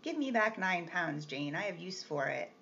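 A woman reading the part of a brusque, teasing gentleman employer with a gruff, commanding manner. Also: sits high, very animated, moderate pace, full character voice. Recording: slightly muffled with faint hiss.

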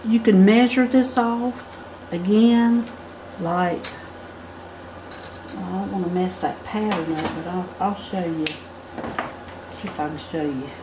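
A craft instructor from the US speaks slowly and pauses often while chatting her way through a drawing lesson, her voice on the low side. The camera looks down on her indoor work table, and a faint background noise can be heard.

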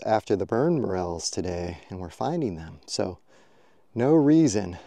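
A man hosting a forest foraging vlog, narrating his walk outdoors with relaxed, enthusiastic show-and-tell. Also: on the low side, vocal fry, dry recording, studio quality. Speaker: foraging vlogger.

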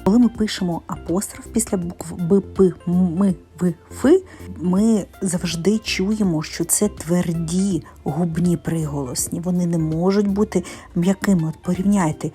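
A woman's voice: fairly low pitch, steady tone, dark tone, faint music behind. Woman teacher spelling out sounds carefully. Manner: slow, careful enunciation of sounds and syllables. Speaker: primary school teacher. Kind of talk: methodical teaching explanation.

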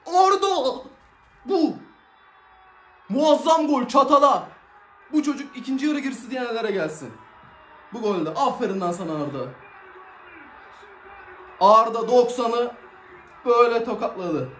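A man giving live reaction commentary on a football match, excitable, swinging between shouting and grumbling, in casual slang. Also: high voice, a little hiss or hum. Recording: echoey room.

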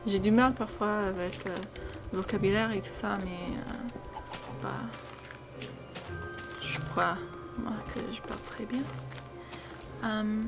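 Loud music plays behind a young American woman who talks slowly, with fairly even intonation and frequent pauses, in a medium-pitched voice. A native English-speaking gaming video creator, she chats hesitantly and casually over gameplay, often trailing off, in a noisy home recording with game sounds.

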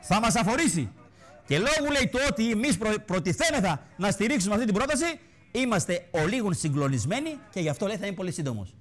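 A man's voice: high voice, big pitch swings. A man hosting a TV show, giving mocking, theatrical satirical commentary on politics. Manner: mocking, theatrical, mimics bells and voices. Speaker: TV show host.

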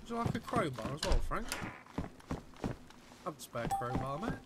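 A man's voice: a little high, normal speed, heavy background noise. A man streaming a survival game, chatting casually with friends, swearing a lot and yelping in surprise. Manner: excitable, swears a lot, loud yelps of surprise. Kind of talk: casual gaming chat.

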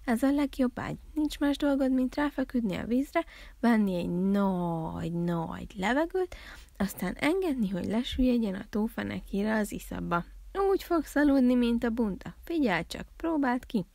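A woman voicing a cheerful, chatty female frog in a storybook reading, croaky and chirpy as she boasts. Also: a little high, lively intonation, mellow, no room sound. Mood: boastful.

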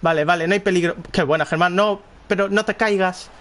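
A young man with a Spanish accent casually commenting on his football game, excitable, often repeating words and shouting at plays. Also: sits high, brisk. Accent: Spanish (Spain). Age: young adult. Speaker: gaming streamer. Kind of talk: casual live gameplay commentary.

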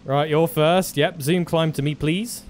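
A man narrates his flight-combat gameplay in a fairly high voice, laughing often as he goes. He talks at an easy, unhurried pace. Faint background noise sits under him. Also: fairly even intonation. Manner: giggly, breaks into frequent laughter. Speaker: gaming commentator. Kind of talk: gameplay commentary.

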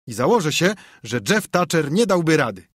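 A boastful young boy, as a male narrator puts him on, pitched high with a lively, bouncing line and a slightly husky edge. He sounds eager and pleased with himself in a dry, close audiobook reading. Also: moderate pace, no echo. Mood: bragging. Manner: eager, bragging.

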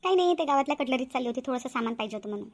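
A polite young cartoon woman, voiced by a woman who gives short, courteous answers. Her voice is high and quick. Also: animated. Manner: polite, brief.

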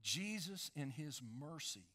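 A man in his fifties preaching a sermon on a large dark church stage, animated, swinging between loud emphasis and hushed lines. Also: fairly high pitch, slow. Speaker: pastor.

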